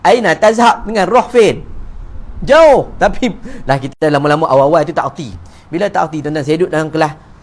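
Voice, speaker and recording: High-voiced Malaysian religious teacher. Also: male voice, fairly quick. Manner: lively, joking, acts out little dialogues. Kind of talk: evening mosque talk. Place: neighbourhood prayer hall.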